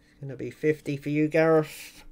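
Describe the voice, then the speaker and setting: A man's voice: a little high, fairly even intonation, normal speed, darkish tone. A man hosting an online prize draw, announcing winners in a casual, chatty, informal way and talking directly to viewers. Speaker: online giveaway host and video channel owner.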